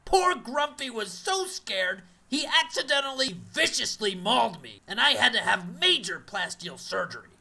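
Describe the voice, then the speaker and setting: Woman as a snooty boss, gravelly and sharp, talks down to everyone. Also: mid-range voice, normal speed, few pauses. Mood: scornful. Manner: condescending, muffled by a face cast. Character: haughty, scornful woman boss.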